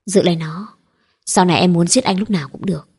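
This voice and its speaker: A woman reading as a cold, domineering young husband in a spoken storybook, low-pitched and husky. He talks calmly and commandingly, every line pressing his will on his wife. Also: fast talker.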